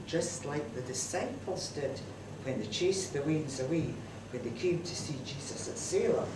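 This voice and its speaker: Broad Scots woman telling a comic tale. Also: low-pitched. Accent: Scottish, broad Scots. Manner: lively, chatty Scots dialect delivery. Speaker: storyteller at a community event. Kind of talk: comic monologue told as a mother's letter. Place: community centre hall, live audience. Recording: distant, roomy live hall recording with noise.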